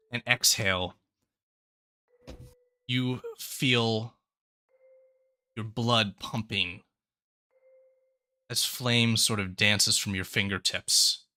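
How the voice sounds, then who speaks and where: A man's voice: medium pitch, fairly even intonation, drawn-out words, pauses often, pushed and bright. A man narrating as game master of a tabletop game in an easygoing, descriptive way.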